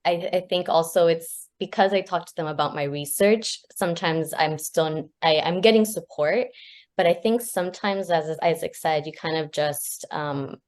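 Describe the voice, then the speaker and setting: A graduate student researcher chats casually on a video call as part of a panel, laughing easily and using lots of fillers. Her voice is lowish and a little mellow, at a moderate pace.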